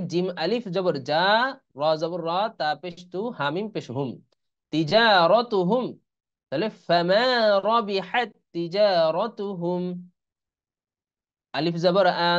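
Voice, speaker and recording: A man teaching a Quran reading class, spelling out Arabic letters and vowel marks one by one, then reciting the joined words slowly and drawn-out. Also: on the high side. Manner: slow drawn-out recitation of joined words between quick explanations. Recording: lo-fi online class audio.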